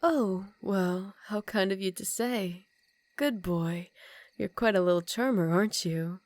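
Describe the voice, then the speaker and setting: A woman playing an ancient, aristocratic vampire countess in an intimate ASMR roleplay, speaking softly and formally with a teasing, condescending manner and some whispered phrases. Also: mid-range voice, measured pace, no echo, natural voice. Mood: teasing, seductive.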